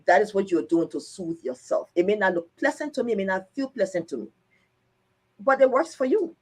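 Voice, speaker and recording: A woman counselor calmly explaining her views in casual conversation. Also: medium pitch, fairly quick, slightly rough.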